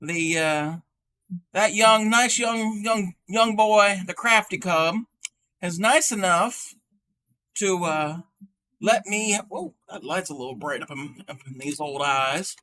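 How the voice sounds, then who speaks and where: A man's voice: high voice, sharp tone, full character voice. A man doing a folksy ninety-year-old granny. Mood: chatty. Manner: rambling, folksy, halting with fillers. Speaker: livestream host showing crochet. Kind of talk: in-character livestream chat.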